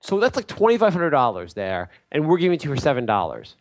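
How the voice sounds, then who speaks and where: With huge swings in pitch and a fast pace, a man improvises as a pompous self-styled lord and sports insider. The comedy bit has him rambling through a lofty sales pitch.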